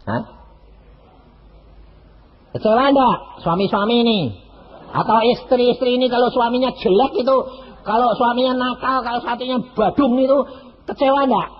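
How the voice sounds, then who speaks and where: A male evangelist, preaching a sermon and teasing the congregation with rhetorical questions. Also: high-pitched. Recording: dull echoey hall recording.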